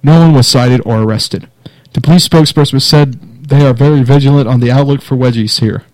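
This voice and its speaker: A man's voice: medium pitch, brisk, darkish tone, poor audio. A man hosting a casual podcast, reading odd news stories in a wry, laughing way. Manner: wry, laughs through stories, mock newscaster delivery. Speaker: podcast host.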